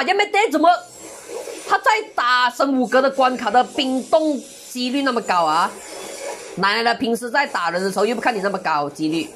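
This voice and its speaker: Woman, excitable game commentary, frequent exclamations, slightly high voice, faint music behind. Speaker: game streamer. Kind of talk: live gameplay commentary.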